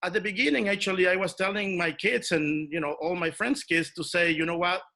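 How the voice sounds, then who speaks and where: Organizer guy from el salvador, bright forceful voice, animated storytelling, on a video call. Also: high-pitched, fairly quick, gravelly. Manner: animated, personal storytelling with fillers. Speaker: community organizer. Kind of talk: online workshop talk.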